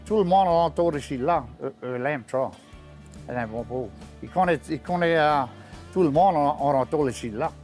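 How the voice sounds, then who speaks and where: A man's voice: a little high, normal speed, darkish tone, soft background music. A man with a Cajun French accent, chatting casually and repeating himself. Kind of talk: casual chat.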